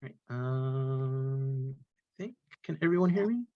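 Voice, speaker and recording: A man's voice: medium pitch, expressive, takes it slowly, smooth, no room sound. A man giving an informal, conversational presentation to a meeting, heard over an online group video call. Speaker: program specialist presenting to a meeting. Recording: muffled video-call audio.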